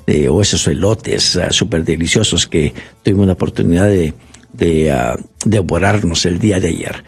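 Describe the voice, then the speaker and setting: A man's voice: on the low side, darkish tone, breathy edge. A man talking on the radio for a bank, persuasive and repetitive, with frequent fillers. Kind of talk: radio promotional talk.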